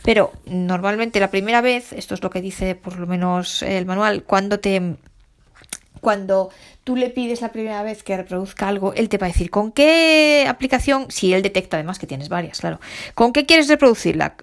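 A woman's voice: medium pitch, moderate pace. A woman with a Spain Spanish accent, a podcast host walking listeners through phone settings step by step. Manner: chatty, explains step by step to listeners. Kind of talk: tech tutorial walkthrough.

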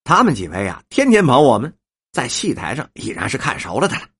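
A man voicing a smiling, chatty young male opera apprentice in a storybook reading, with a husky voice. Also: mid-range voice, wildly swooping pitch, fairly quick, fairly bright tone, exaggerated voice. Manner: friendly and chatty.

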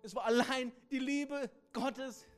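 A man preaching a sermon as a pastor, telling a story dramatically and dropping suddenly quiet before swelling loud again. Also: very high voice, steady tone, slow, faint music behind.

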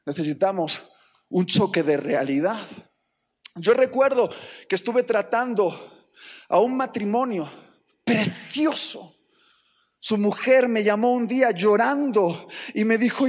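A man preaching a sermon to his congregation, dramatic, acting out the people in his stories with sudden shifts between loud and soft. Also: gravelly, breathy edge, long reverb tail. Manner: dramatic, acts out quoted people with big swings in pitch and volume. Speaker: pastor.

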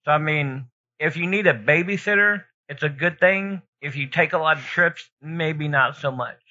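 Man, podcast host, casual chat, very forceful bright voice, slightly dull recording. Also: fairly high pitch, normal speed.

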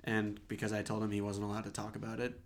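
A man's voice: on the low side, monotone, fast. A man in his twenties co-hosting a sports podcast, wry and pessimistic as he rattles off stats in casual chat. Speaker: podcast co-host.

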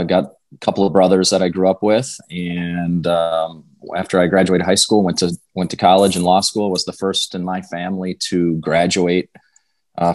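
A man from Western Wisconsin, a candidate for office, calmly answering interview questions. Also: deep voice, no room sound. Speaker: political candidate guest.

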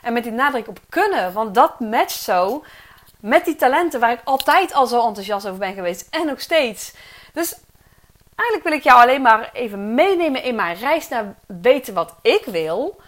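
A woman's voice: fairly high pitch, sing-song, normal speed. A middle-aged woman with a Dutch accent, a coach talking through a personal podcast monologue in an earnest, reflective way, with many fillers and restarts. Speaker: podcast host and career coach.

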